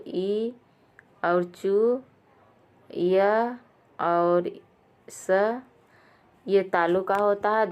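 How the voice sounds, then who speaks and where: A woman teaching Sanskrit exam questions, going through each answer, often calling out to her viewers and correcting herself with a quick apology. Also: medium pitch, smooth. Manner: addresses viewers as friends, with fillers and self-corrections. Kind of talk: quiz lesson explaining answers.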